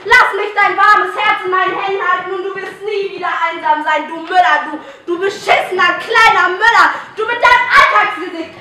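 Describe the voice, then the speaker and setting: A young woman acting on stage as a furious, raving woman ranting and shouting in scorn. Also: very high voice. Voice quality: shouting, raging, mocking. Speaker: stage actor in a school theatre group. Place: stage in a hall. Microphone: far room mic. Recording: echoey hall from far off, noisy.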